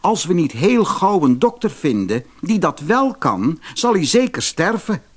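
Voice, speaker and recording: Kind youngest prince in a fairy tale, earnest and polite, lifted pitch, a male narrator voicing him. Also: very animated, measured pace, slightly rough, exaggerated voice. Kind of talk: storybook reading.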